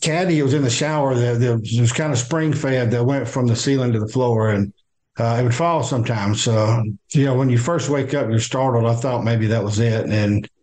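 An older man from the American South, telling a personal story in an interview, halting with many fillers and restarts. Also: mid-range voice, fairly even intonation, a little mellow. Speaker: guest.

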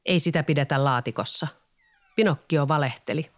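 A man voicing a calm, matter-of-fact magic fox guide, close to his own voice. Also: a little high, lightly acted.

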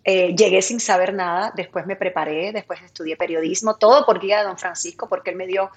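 A woman from Cuba who works as a TV presenter, chatting lively in an interview and often laughing as she talks. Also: on the low side, a little fast. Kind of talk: casual interview chat.

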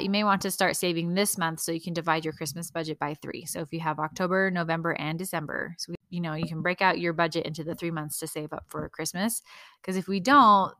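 A woman in her thirties with a lowish voice talks straight into a close mic in a dry, dead room. She hosts her own podcast and shares practical family tips. She keeps it chatty and relaxed, with small laughs now and then. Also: no room sound. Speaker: podcast host. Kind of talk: casual solo podcast tips.

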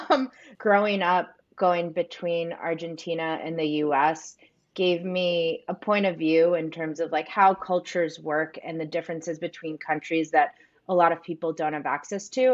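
This woman speaks in a fairly low, unhurried voice, and the audio sounds dull. A U.S.-based company co-founder whose first language is Spanish, she answers interview questions earnestly and reflectively, often saying "um" and "like."

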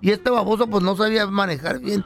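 High, gravelly Mexican radio co-host. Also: male voice, brisk, a bit bright. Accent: Mexican Spanish. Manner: slangy, joking. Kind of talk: casual joke-telling banter.

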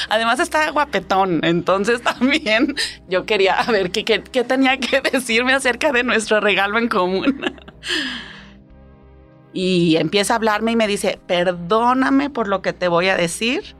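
A woman from Guadalajara with a Mexican accent, telling a personal story in an expressive, conversational way and often tagging her sentences with little questions. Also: fairly high pitch. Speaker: storyteller guest.

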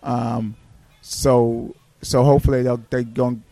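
A comedian from Brooklyn, a man with a New York accent, talks as a podcast guest in a mid-pitched voice. He stumbles and restarts his sentences as he goes, which keeps the chat loose and animated. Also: slow pace, vocal fry, no room sound. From Brooklyn, United States.

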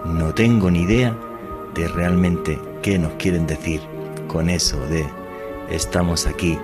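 A man with a very low voice hosts a late-night mystery program, asking questions and musing aloud. He speaks in a measured way, with music playing beneath him. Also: fairly even intonation. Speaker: radio host. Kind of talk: mystery show hosting.

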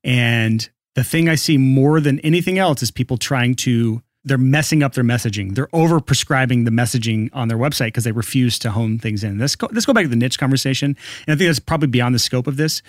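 A man co-hosting a podcast, blunt and teasing with deadpan jokes. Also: medium pitch, brisk, no echo, clean studio sound. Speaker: podcast co-host. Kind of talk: casual podcast chat.

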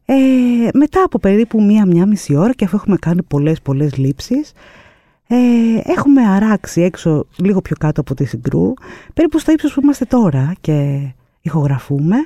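A woman guest, a producer, telling an anecdote in a lively, expressive way with many fillers and pauses. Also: fairly low pitch, dry recording, studio quality. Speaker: producer and artistic director, guest. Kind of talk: animated storytelling anecdote.

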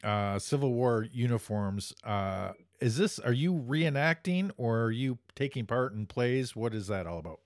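A man's voice: medium pitch, lively intonation, measured pace, hardly any pauses, no room sound, studio quality. A man hosting a podcast, asking questions in a playful, easygoing way. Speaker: podcast host. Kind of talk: casual chat.

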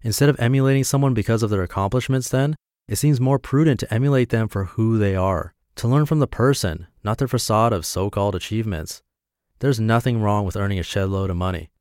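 A man from Montana, reading his reflective essays aloud in a measured, deliberate way. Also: lowish voice, darkish tone, dry recording, clean studio sound. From Montana, USA.

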